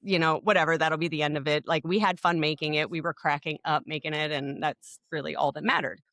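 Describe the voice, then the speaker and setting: Woman co-host, slightly low voice, dry close mic, loose rambling storyteller. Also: fairly even intonation, fast, fairly bright tone, dry recording. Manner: rambling storyteller, many restarts and fillers. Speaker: podcast co-host. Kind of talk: casual podcast chat.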